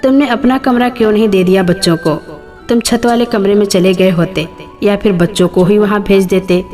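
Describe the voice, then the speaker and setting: A woman's voice: medium pitch, normal speed, darkish tone, faint music behind, close to an everyday voice. A woman voicing an indignant grown daughter who scolds her brothers. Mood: angry.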